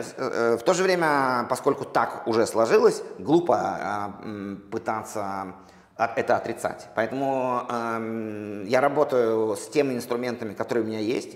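A Russian poet with a mid-range voice answers interview questions slowly and thoughtfully. His speech is halting, full of pauses, fillers and restarts, and the room is echoey with long reverb.

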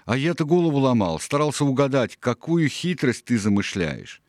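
Guy doing a loud sly old pirate, way higher than his usual deep voice, hearty. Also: animated, moderate pace, no echo, studio quality, close to an everyday voice. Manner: hearty, exclaiming, theatrical.

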